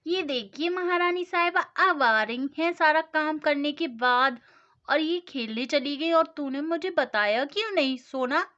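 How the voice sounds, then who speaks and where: A woman doing a loud, scolding mother. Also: high-pitched, unhurried. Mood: sarcastic. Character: strict but loving mother, scolding. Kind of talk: storybook doll-play acting. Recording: dull lo-fi sound.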